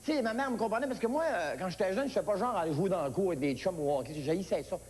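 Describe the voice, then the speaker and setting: Lively Québécois man telling a comic tale. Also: rapid-fire, long reverb tail. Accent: Québécois French. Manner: storytelling, acts out characters with high yelps. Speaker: stand-up comedian. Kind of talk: comic monologue.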